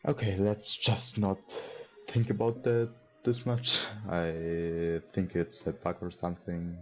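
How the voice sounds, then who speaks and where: This young gaming host, a non-native English speaker, takes his time reading a visual novel aloud, adding hesitant, casual asides. His low, darkish voice stays flat. Music plays behind the dull lo-fi recording, along with game music and mouse clicks.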